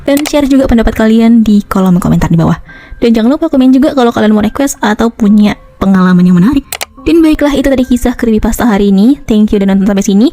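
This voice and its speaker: A young woman narrating a horror story in a casual style, with dramatic pauses and chatty slang asides to her viewers. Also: fairly high pitch, lively intonation, dark tone. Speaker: YouTube storyteller.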